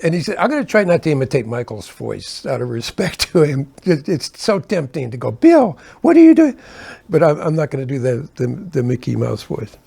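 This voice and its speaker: Speaking a little fast with hardly any pauses, an older keyboard player rambles through casual tour anecdotes, self-correcting and chuckling between asides. His medium-pitched voice has lively intonation, vocal fry, and a slightly rough, somewhat mellow quality.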